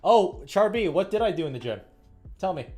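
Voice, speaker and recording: A man's voice: high voice, big pitch swings, brisk, a little mellow. Rambling thirty-year-old man chatting on stream. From Illinois, US Midwest. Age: 30s. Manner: rambling, laughs often, many fillers. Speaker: livestreamer. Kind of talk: casual livestream chat. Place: home room while stringing rackets. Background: faint music.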